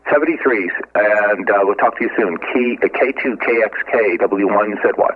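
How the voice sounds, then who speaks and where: A man's voice: fairly low pitch, noisy background. Man making a ham radio call over tinny narrowband audio. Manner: halting, with frequent filler sounds. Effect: ham radio call over a narrowband transceiver. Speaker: amateur radio operator. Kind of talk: on-air ham radio call with phonetic call signs.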